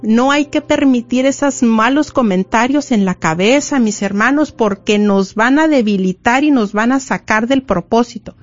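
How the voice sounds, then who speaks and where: A woman voicing a faithful father calmly telling his wife to drop her fears, in a muffled recording. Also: on the high side, normal speed, hardly any pauses, lightly acted. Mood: calming.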